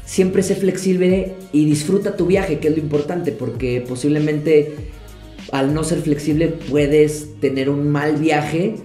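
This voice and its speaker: Friendly young man, mellow voice. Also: on the high side, steady tone, a little slow, roomy sound, faint music behind. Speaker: travel vlogger. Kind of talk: casual advice to camera. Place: living room, indoors.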